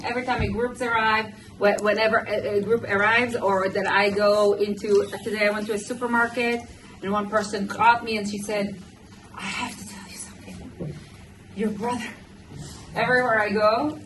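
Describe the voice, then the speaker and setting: Woman with Moroccan-Israeli accent, distant noisy recording. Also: medium pitch. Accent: Israeli, Moroccan-influenced. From Israel, small moshav near Modi'in. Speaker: guest speaker telling a personal story. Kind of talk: personal storytelling to a visiting group.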